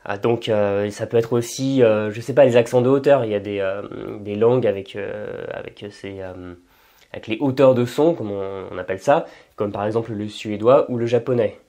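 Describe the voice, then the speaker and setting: Here a language-learning video host, a man whose first language is French, explains things casually in a lowish, dark voice at a moderate pace. He thinks aloud, with many hesitations and restarts.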